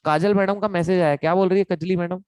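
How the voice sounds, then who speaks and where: Chatty high-voiced male teacher. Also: steady tone, quick pace, a little mellow, clear, resonant tone, no room sound, poor audio. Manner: chatty, joking, addresses students as kids. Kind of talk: casual online lecture.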